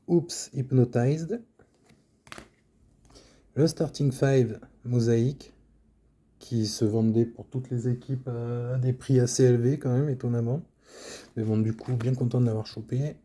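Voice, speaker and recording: Slow, dark-voiced husky man. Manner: calm, low-key, trailing off at phrase ends. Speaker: card collector showing his cards. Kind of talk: casual unboxing commentary.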